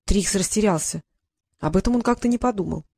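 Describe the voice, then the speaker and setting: A woman reading a fantasy story aloud in even scripted narration. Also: medium pitch, a little fast, vocal fry, dry recording, studio quality. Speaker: audiobook narrator.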